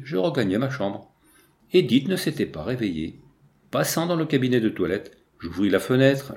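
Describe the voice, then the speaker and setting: A man narrating a first-person story as an audiobook reader, measured with lively emphasis. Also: fairly low pitch.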